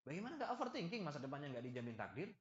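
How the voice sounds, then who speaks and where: Male preacher for a lecture: animated, joking, acts out small dialogues; slightly high voice, echoey muffled room. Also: rapid-fire. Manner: lively, acts out little dialogues and jokes with the audience. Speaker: preacher giving a study lesson. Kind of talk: religious study lecture. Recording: echoey, slightly dull hall recording.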